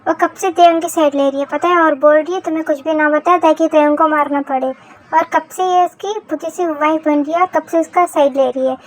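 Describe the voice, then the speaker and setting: A woman's voice: sits high, steady tone, fairly quick, lightly acted. A woman voicing a strict, bossy mother who scolds her daughter in a fan-fiction voice story. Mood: scolding.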